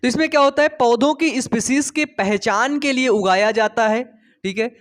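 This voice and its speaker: A man's voice: very high-pitched, normal speed, fairly bright tone. A young man teaching biology in a casual, chatty way, posing questions and answering them himself, with stories mixed in. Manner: chatty, storytelling, asks and answers his own questions. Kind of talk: casual Hindi lecture.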